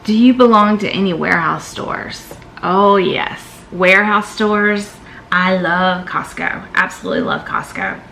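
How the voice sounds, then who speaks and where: With a medium-pitched, slow, gravelly, sharp voice, a middle-aged woman with a Southern American accent chats casually through vlog tag questions, speaking emphatically and using "y'all" often. The recording is in an echoey room with faint ambient noise.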